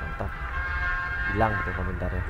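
A man's voice: sits low, level tone, moderate pace, muffled recording, over loud music. A man gives casual let's-play commentary on a horror game, jumpy and full of startled exclamations. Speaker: gamer playing a horror game.

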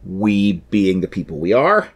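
A man's voice: on the low side, big pitch swings, a little slow, husky. A man co-hosting a podcast in casual chat, explaining things in a chatty way with many restarts. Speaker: podcast co-host.

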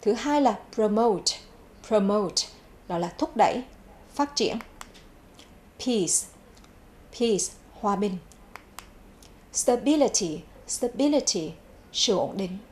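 A woman's voice: medium pitch, animated, darkish tone, slight background noise. A woman teaching a televised English vocabulary lesson, repeating each English word twice before giving its meaning. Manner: clear, measured classroom delivery. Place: TV studio.

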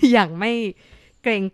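A woman's voice: slow, darkish tone, no room sound, clean studio sound. A woman co-hosting a casual live-stream chat, chatty, reading viewer comments aloud. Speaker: co-host.

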